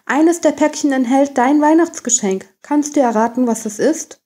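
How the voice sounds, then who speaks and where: A woman voicing a sweet, tired young woman in a bedtime story, gentle and breathy. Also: high voice, moderate pace, pitched above the performer's own voice, close to an everyday voice.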